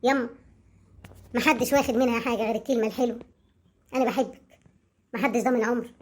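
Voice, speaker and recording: A woman's voice: on the high side, steady tone, quick pace, close to an everyday voice. A woman with an Egyptian accent playing a young village daughter-in-law who talks in a gushing, overly sweet way. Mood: sugary.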